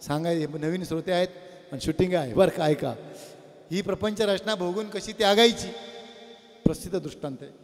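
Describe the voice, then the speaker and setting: A man giving a devotional sermon before an audience, telling parables in a lively way and asking his listeners questions. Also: sits high, moderate pace, faint music behind. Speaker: religious discourse speaker. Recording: long hall reverb.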